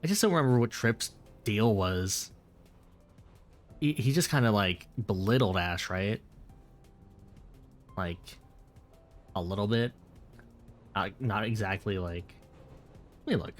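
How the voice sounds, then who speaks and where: A man with a fairly low voice chats casually on a late-night stream. He rambles, restarts his sentences and corrects himself as he answers viewers. Soft music plays faintly behind him. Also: takes it slowly, pauses often.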